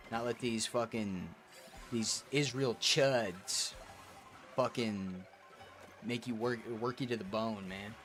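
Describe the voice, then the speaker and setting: A man's voice: mid-range voice, fairly bright tone. A young man streaming a kart racing game, reading chat aloud and answering in crude, profane banter. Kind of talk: casual gaming stream chat.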